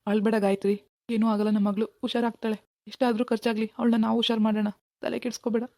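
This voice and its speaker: A woman voicing a worried middle-aged father in a cartoon, speaking in a low, soothing way to calm his wife. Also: quick pace, no echo, close to an everyday voice. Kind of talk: Kannada cartoon voice acting.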